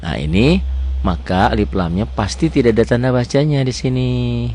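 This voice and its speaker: A man teaching tajwid in a chatty, self-assured way, breaking into slow melodic Quran recitation. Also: medium pitch, darkish tone.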